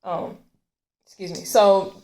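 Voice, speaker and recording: A woman's voice: mid-range voice, fairly even intonation, takes it slowly, dark tone, low-quality recording. A woman hosting a casual hair care chat, explaining her advice in a conversational way. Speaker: host.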